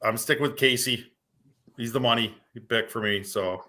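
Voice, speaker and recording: Male researcher, mid pitch, bright timbre, steady and agreeable. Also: moderate pace. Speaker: sports researcher. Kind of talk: casual panel chat.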